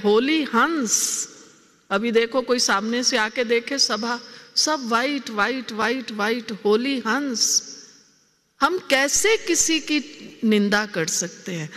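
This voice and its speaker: A woman's voice: on the high side, fairly bright tone. A woman giving a spiritual discourse to a congregation. She asks the audience questions and then answers them herself. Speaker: spiritual teacher. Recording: hall with long reverb.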